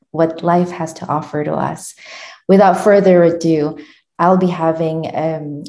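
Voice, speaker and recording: A woman hosting a podcast interview, introducing her guest formally and asking follow-up questions. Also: lowish voice. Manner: warm formal hosting, frequent backchannel mm-hmms. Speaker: podcast host.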